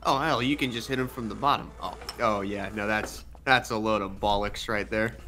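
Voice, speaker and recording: A man's voice: on the low side, steady tone, normal speed, sharp tone, slight background noise. A man chatting casually as co-commentator over gameplay, offhand and wry. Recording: game music behind. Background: video game music.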